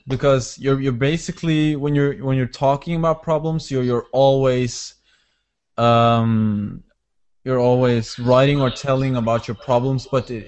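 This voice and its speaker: A man's voice: mid-range voice, darkish tone. A man interviewing a guest in a casual chat, curious and searching for words as he reflects.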